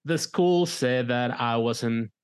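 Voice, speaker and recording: In a slow, clean, medium-pitched voice, a middle-aged man from Mexico recounts his career as a director and producer during a relaxed interview. His Mexican Spanish accent comes through, and he frequently repeats words as he hunts for the right ones.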